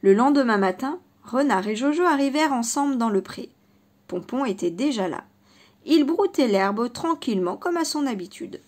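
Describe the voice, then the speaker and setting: A woman reading a children's storybook aloud in a lively, expressive voice. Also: a little high, normal speed.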